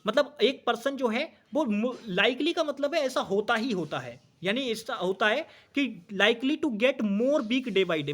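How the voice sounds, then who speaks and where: A man's voice: very high voice, a bit bright. A man teaches an exam-prep English grammar lesson. He keeps asking questions and answering them himself, and he repeats each key point. He calls his students brother as he goes.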